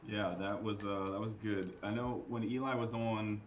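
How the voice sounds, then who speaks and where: A man's voice: fairly low pitch, steady tone, moderate pace, a little hiss or hum. A man from the United States, a competitor, joking and boasting in a casual interview. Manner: joking, boastful, slightly out of breath.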